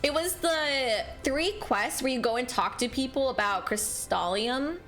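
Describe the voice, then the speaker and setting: Female game streamer, cute and bubbly, very animated delivery, casual chat, music underneath. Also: high voice, measured pace. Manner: bubbly, cute, excitable streamer greetings and exclamations; giggly, apologetic. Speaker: game livestreamer. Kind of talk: casual livestream chat while gaming. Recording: music behind the voice.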